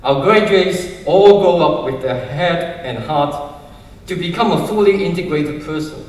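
A university department head reads a formal commencement speech from his notes at a standing mic on stage in a large hall. His voice is fairly high and a little slow, and the roomy hall sound makes him seem distant.

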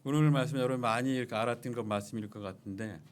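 A man's voice: mid-range voice, racing. A male pastor preaching a Sunday sermon in a church, telling stories and speaking directly to the congregation. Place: church sanctuary.

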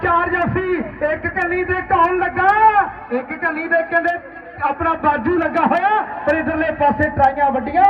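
A man delivers frantic rural kabaddi commentary with a Punjabi accent, repeating phrases and rhyming couplets. His voice is pitched extremely high and comes through a thin, distant PA with heavy echo. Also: fairly even intonation, moderate pace. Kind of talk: frantic rural sports commentary, shouted verse and calls. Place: outdoor village sports ground. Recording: echoey distant PA, tinny, faint noise.

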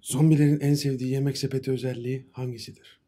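A man's voice: mid-range voice, little pitch movement, fast talker, mellow. A man in his thirties, bantering casually and reading out jokes. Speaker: contestant on a joke-telling challenge show. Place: indoor studio set. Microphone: studio microphone on a boom arm.

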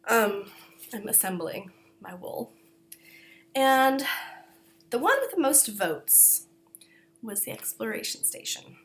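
A woman hosts a knitting podcast, talking casually to the camera with plenty of fillers. She coughs and clears her throat often, apologizing and poking fun at herself as she goes. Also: a little high, animated, slow, long pauses. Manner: chatty, self-deprecating, apologetic, with many fillers. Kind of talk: casual chat.

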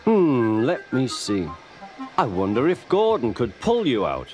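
A man's voice: mid-range voice, wildly swooping pitch, unhurried, music in the background, pitched above the performer's own voice. A man voicing a stern, portly railway boss who scolds but stays fair.

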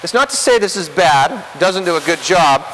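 A man's voice: sits high, expressive, normal speed, fairly bright tone, a little hiss or hum. Man demonstrating in an echoey car wash bay. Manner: plain, practical, with frequent ums and uhs. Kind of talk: instructional demonstration.

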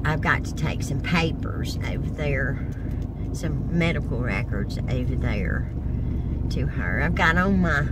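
A middle-aged woman chatting casually in a car vlog, rambling with many ums and restarts. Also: fairly low pitch. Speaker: vlogger. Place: inside a car on a sunny highway. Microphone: phone or camera mounted on the dashboard. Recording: distant phone mic with loud road noise. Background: loud road and car noise.

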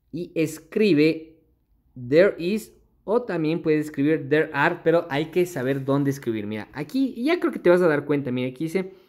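Male primary teacher, patient and repetitive, reads English phrases slowly and translates them for kids. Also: a little high, darkish tone. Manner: patient, repeats each sentence and checks understanding. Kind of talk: explaining a primary school worksheet.

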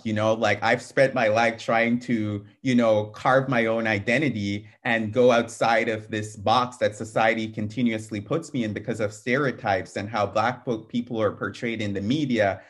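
Speaking from a small home room through a headset mic, a young adult man from Canada gives an earnest webinar talk as a panelist on a video call. His pitch is fairly low and his intonation fairly even, and he moves at a moderate pace with hardly any pauses, fluent though peppered with ums.

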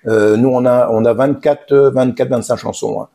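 A man, a singer from western France, chatting in an interview in a relaxed, halting way with many fillers and restarts. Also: medium pitch, vocal fry. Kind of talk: casual interview chat.

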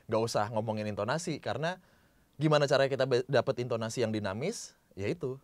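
A man hosting a casual podcast chat about voice technique, slangy and lively, jumping his pitch up and down as he demonstrates. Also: fast talker, dry recording. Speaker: podcast host.

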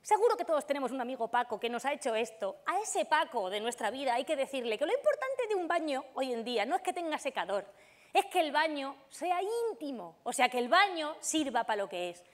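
A woman from doing a lively stand-up comedy monologue on a theater stage, acting out the people in her stories. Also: sits high, brisk. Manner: lively storytelling, acting out quoted voices. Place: theater stage with live audience.

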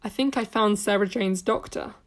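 A woman's voice: medium pitch, normal speed, close to an everyday voice. A woman reading a young woman companion. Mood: urgent.

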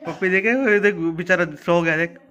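A man's voice: high-pitched, moderate pace, pushed and bright, muffled recording. A man vlogging at home, talking playfully to his dog with coaxing, repetitive commands.

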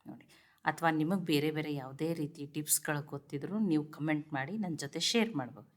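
A woman's voice: low voice, quick pace. A woman hosts a cooking channel from a home kitchen, showing kitchen tips and urging viewers to look and try them. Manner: instructive, keeps telling viewers to look and try.

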